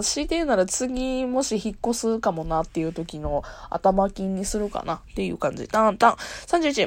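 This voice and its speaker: Brisk Kansai woman, lively laughing voice. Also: medium pitch, no room sound. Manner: brisk, frank, laughs often. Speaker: radio talk host. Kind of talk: solo self-introduction talk.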